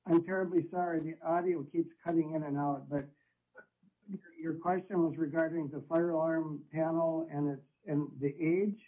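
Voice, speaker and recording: A man's voice: on the high side, steady tone, moderate pace. A man calling in over a crackly phone line to a council meeting, answering politely with hesitant fillers. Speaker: city staff member answering council questions. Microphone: phone call.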